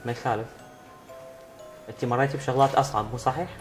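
Man, Iraqi Arabic accent, TV interviewer, rapid delivery, reassuring, medium pitch, clear background music. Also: fairly even intonation. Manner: reassuring, encouraging. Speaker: TV interview host. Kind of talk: interview talk. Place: TV studio. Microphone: lapel mic.

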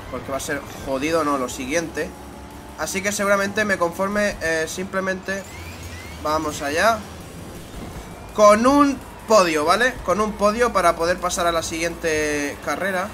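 A man's voice: high-pitched, measured pace, over music. A young man with a Spain Spanish accent commentating his own racing game, muttering asides and breaking into exasperated swearing. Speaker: gaming channel host. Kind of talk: let's play commentary.

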